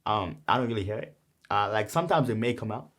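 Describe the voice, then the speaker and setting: A young Brooklyn rapper with a New York accent breaks down his song's lyrics casually, rambling and using lots of slang. His voice is lowish and fairly bright, and he talks fast and animatedly.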